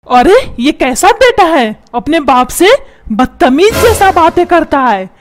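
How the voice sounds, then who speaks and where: एक महिला कार्टून में चिड़चिड़े, चिल्लाने वाले अधेड़ पिता की आवाज़ दे रही है, जो डांटता है और ताने मारता है।. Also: female voice, sits high, big pitch swings, unhurried, very noisy. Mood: scolding. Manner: shouts and scolds, calls names. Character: grumpy shouting cartoon father, middle-aged man. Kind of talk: comedy cartoon dubbing.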